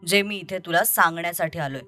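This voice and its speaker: A woman voicing an angry young man who confronts his deceitful ex-lover in an audio story, over soft music. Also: fairly low pitch, brisk, pitched below the performer's own voice. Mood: accusing. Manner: accusing, bitter and confrontational.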